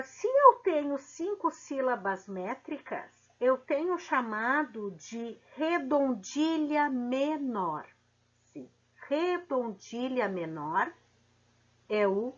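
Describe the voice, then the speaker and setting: A woman teacher, working through verses syllable by syllable at a very unhurried pace. Her voice sits a little high, and the recording sounds somewhat dull and muffled. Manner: slow, drawn-out syllable counting with frequent "tá?". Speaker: literature teacher. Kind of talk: recorded classroom lesson.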